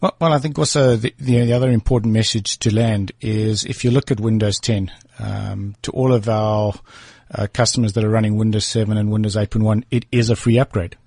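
A man speaking as a company guest in a radio studio interview, measured and on-message. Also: on the low side, fairly even intonation, darkish tone, no echo.

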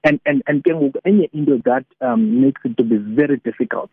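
A man with a South African Xhosa accent on a phone-like line, informally explaining religious teaching as a guest, halting and repeating phrases while switching between two languages. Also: medium pitch, animated, husky, no echo. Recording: narrow tinny phone-like line.

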